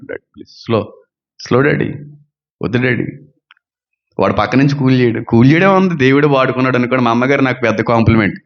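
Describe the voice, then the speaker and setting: Fervent pastor, lo-fi sound. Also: male voice, medium pitch. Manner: fervent, rhetorical questions, swings between loud and soft; says he talks fast and gives quick counters. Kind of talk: preaching sermon. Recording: dull lo-fi sound.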